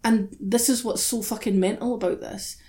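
A woman's voice: medium pitch, steady tone, moderate pace, warm tone. A woman hosting a podcast discussion, speaking emphatically and passionately, with plenty of swearing. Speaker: podcast host. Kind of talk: impassioned opinionated podcast discussion.

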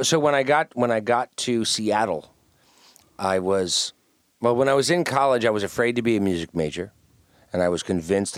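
A man's voice: deep voice, no echo, studio quality. A man talking as a guest musician in a casual interview, rambling and restarting as he tells stories. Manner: relaxed, rambling storyteller with many restarts.

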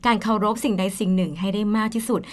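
A woman's voice: mid-range voice, fairly even intonation, racing. A woman with a Thai accent co-hosting a radio English lesson, explaining in Thai and repeating in simple English. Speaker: radio co-host.

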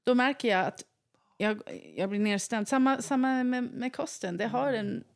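A woman's voice: on the high side, gravelly. A woman in a casual group chat, talking animatedly and laughing often. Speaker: guest in group talk.

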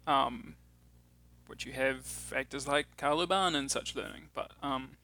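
A man with a New Zealand accent co-hosting a casual film podcast, speaking haltingly with frequent restarts. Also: medium pitch, creaky, sharp tone. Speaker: podcast co-host.

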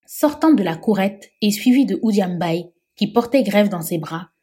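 A woman with a husky voice, narrating a novel in a measured, expressive way. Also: mid-range voice.

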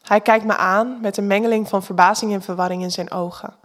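Calm Dutch woman narrating a story. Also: mid-range voice, fairly quick. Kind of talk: scripted first-person narration.

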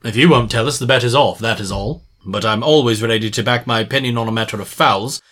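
Man playing a cool, shrewd gentleman detective. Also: medium pitch, natural voice. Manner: cool, measured, dryly confident.

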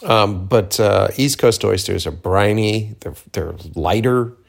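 Low, gravelly man chatting candidly. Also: slow. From Cape Cod, Massachusetts, USA. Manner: candid, profane, full of slangy asides. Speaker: filmmaker hosting a personal audio journal. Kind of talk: casual rambling monologue.

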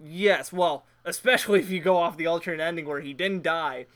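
A man's voice: fairly high pitch, a little fast, fairly bright tone. A young man in casual movie chat, rambling off on tangents and laughing often.

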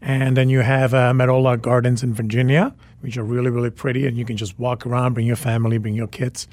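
Guesting on a radio interview, this photographer is a native Czech speaker in his forties from the Czech Republic. He talks quickly in a mid-range, somewhat dark voice with a level tone, full of enthusiasm and repeating words to stress them.

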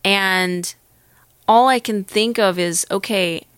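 Speaking slowly in a mid-range, slightly bright and smooth voice, this young woman is an actor and musician being interviewed candidly. She has a Northern Californian accent and reflects earnestly, thinking aloud and restarting her sentences. The sound is studio quality with no echo.

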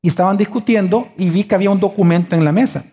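A man's voice: sits high, fast, mellow. A pastor in his forties preaching a sermon, emphatic and full of rhetorical questions to the congregation.

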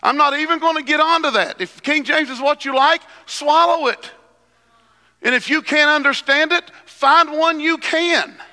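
A man preaching a sermon at a pulpit microphone, swinging between soft teaching and loud shouting. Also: very high-pitched, moderate pace. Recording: long hall reverb.

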